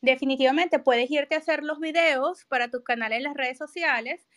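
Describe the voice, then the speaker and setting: A woman's voice: high-pitched, normal speed, fairly bright tone. A woman giving an emphatic instructional talk as a trainer, often checking understanding with short tag questions. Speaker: real estate trainer and host. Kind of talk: instructional talk to real estate agents.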